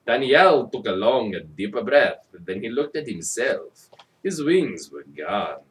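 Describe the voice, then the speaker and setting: A comic storybook reader gives a theatrical, mock-dramatic reading in a sing-song, medium-pitched voice at a slow pace, ad-libbing sardonic, crude, profane asides. The recording is rough and made from a distance.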